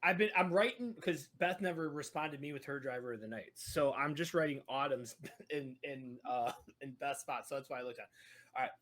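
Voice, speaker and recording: Podcast guy chatting about racing, jokey, laughs a lot, middle-pitched voice. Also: brisk. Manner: loose and jokey, laughs often, quotes others in animated voices. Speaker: podcast co-host. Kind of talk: casual chat.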